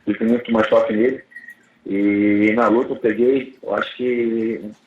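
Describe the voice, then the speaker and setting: A man's voice: on the low side, steady tone, normal speed, roomy sound, phone-quality sound, slight background noise. A man with a Brazilian accent talking conversationally on speakerphone during a press call. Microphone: telephone conference call.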